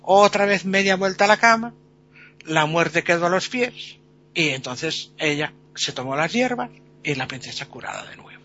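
A man tells a folk tale aloud in a lively, chatty way. His voice is high and bright for a man. The recording sounds a little dull and lo-fi. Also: normal speed. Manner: lively, chatty, with many fillers. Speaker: storyteller. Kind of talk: oral folk tale telling.

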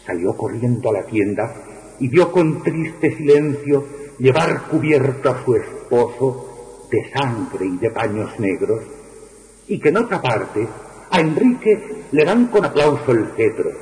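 A man reciting a ballad in a declamatory style, with big swings in pitch on the chanted refrains. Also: sing-song, measured pace, a little mellow. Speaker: poetry reciter. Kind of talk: dramatic poetry recitation. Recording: echoey hall with long reverb.

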